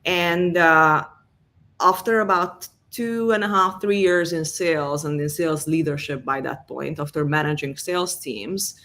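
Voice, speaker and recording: Her voice is deep, unhurried, and a bit bright, carrying a Hungarian accent. She is an interview guest, a revenue enablement executive, recounting her career casually and with many fillers.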